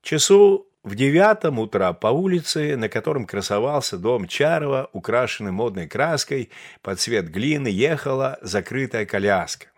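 A male audiobook narrator reading a classic novel with measured, literary storytelling. His intonation is very lively and rises and falls widely. The pitch sits in a middle range for a man.

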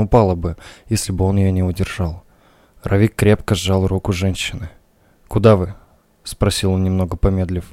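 A man narrating a literary audiobook in an even, restrained reading. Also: deep voice, no room sound.

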